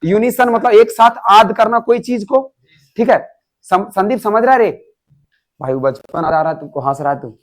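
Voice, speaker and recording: Young male classroom teacher, high-pitched, animated lecturing with constant questions to students. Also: moderate pace, low-quality recording. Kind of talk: classroom lecture explaining an English story.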